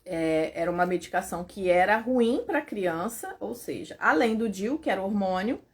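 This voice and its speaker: A young adult woman telling a personal story in a vlog, emotional and animated, with lots of fillers. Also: mid-range voice, normal speed. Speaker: vlogger.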